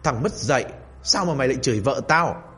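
A man voicing an old great-grandfather spirit, gruff and bantering in a husky voice. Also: mid-range voice, animated, a little fast, bright, forceful tone, soft background music.

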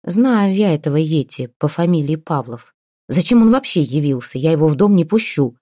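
A woman's voice: sits low, lively intonation, brisk, mellow, no room sound, studio quality. A woman voicing a stubborn, bitter woman who snaps and grumbles. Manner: curt, grumbling, snapping.

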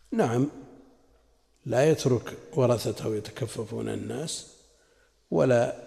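A man teaching a religious commentary lesson, deliberate and earnest with colloquial asides. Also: mid-range voice, gravelly, dark tone. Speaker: sheikh teaching a Quran commentary class. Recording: long hall reverb.

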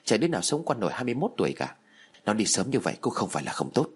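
A man's voice: lowish voice, very animated, quick pace, breathy edge. A man reading the part of a scheming, spiteful old mother-in-law who scolds and sneers. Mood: dismissive.

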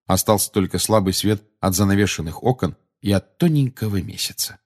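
A man narrating an audiobook in a measured storytelling manner. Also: on the low side, breathy edge. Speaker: audiobook reader. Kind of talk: scripted narration.

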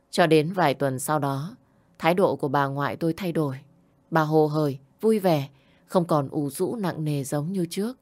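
A woman narrating a first-person story in a steady, measured way. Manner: low, steady narration, voicing the grandmother and herself in emotional dialogue.

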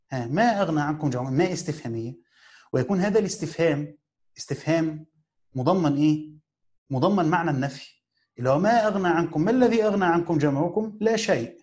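A man's voice: fairly high pitch, a little mellow. A man with an Egyptian accent teaching a classical Quran commentary in casual lecture style, often asking his students questions and answering them himself. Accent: Egyptian Arabic. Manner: asks and answers his own questions, drawn-out pauses.

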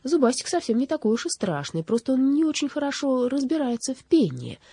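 An eager, brave little village girl chattering in a raised, lively voice, as a woman reading a storybook puts her on. The tone stays warm and slightly husky under the lift. It is recorded close and dry. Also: high-pitched, fairly quick, dry recording, pitched above the performer's own voice, heavily acted. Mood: earnest. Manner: bright, eager, lifted girlish delivery.

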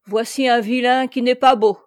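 A woman voicing a hot-tempered, boastful male knight captain in an audiobook, with loud commanding exclamations. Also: a little high, expressive, moderate pace, close to an everyday voice. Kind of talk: audiobook character reading.

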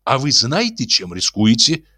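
A man voicing an excitable, boastful middle-aged male locksmith who blusters and shouts. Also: a little slow, slightly rough, no room sound, clean studio sound, exaggerated voice. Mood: smug insistence. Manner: shrill, blustering, ironic.

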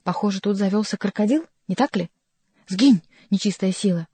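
A woman's voice: medium pitch, moderate pace, warm tone, breathy edge, no echo, close to an everyday voice. A woman doing a mocking sly court jester. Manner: teasing, ironic.

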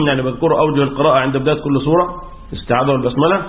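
Egyptian sheikh on a tinny line. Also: male voice, on the high side, very fast, reverberant. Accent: Egyptian Arabic. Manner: asks questions and answers them himself, often clears his throat. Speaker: Quran teacher. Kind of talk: religious lesson on recitation rules. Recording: tinny phone-like audio.

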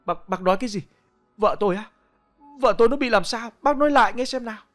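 A man's voice: high-pitched, big pitch swings, moderate pace, soft background music, pitched above the performer's own voice. A man voicing a panicked village husband who begs and questions in a frantic rush. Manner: frantic, pleading.

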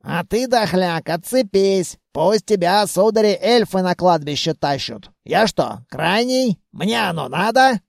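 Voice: medium pitch, animated, a little slow, gravelly, hardly any pauses, no echo, studio quality. A reader doing a crafty, grumbling trickster. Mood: quarrelsome. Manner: loud haggling, grumbling and scheming. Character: crafty stubborn plump male trickster. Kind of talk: audiobook reading.

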